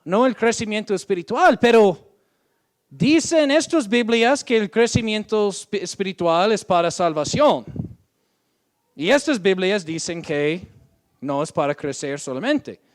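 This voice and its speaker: A man's voice: high voice, expressive. A man preaching a sermon as pastor, reading Bible verses aloud and often checking in with "ok?". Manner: slow, deliberate delivery with frequent "¿ok?" check-ins; reads scripture aloud, drawing out quoted verses.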